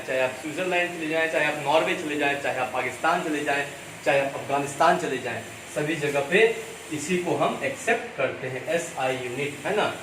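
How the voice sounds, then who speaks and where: A man with an Indian accent teaching a school lesson, explaining slowly and repeating key points. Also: on the high side, a bit bright. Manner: slow, repetitive explaining, switching between Hindi and English. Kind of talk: classroom lesson. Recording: echoey room, mic far off, faint ambient noise.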